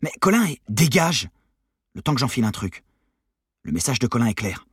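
A man reading an audiobook, voicing a bold, sharp-tongued teenage girl with mocking quick retorts. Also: medium pitch, very animated, slightly rough, dry recording, clean studio sound, pitched above the performer's own voice. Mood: cheeky.

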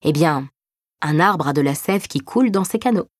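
A woman voicing a gentle older brother who explains things patiently and reassuringly in a narrated story. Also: sits low, lively intonation, normal speed, dry recording, clean studio sound. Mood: patient explaining.

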